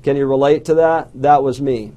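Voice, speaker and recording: This small business coach speaker is a middle-aged man from the southern United States with an Alabama Southern accent, delivering a motivational talk full of folksy stories and self-deprecating jokes to an audience. His dark, mid-range voice stays steady at a moderate pace, and the recording has a lo-fi sound.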